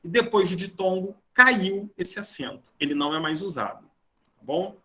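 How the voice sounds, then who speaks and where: A man's voice: sits high, moderate pace, pushed and bright. A man teaching a grammar lesson to a class, explaining rules step by step and often checking that students are following. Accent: Brazilian Portuguese. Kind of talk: online grammar lecture.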